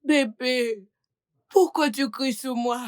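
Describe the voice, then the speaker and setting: A woman's voice: high-pitched, takes it slowly. Woman dubbing a cooing clingy young wife. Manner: cooing, whiny pleading. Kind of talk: French film dub.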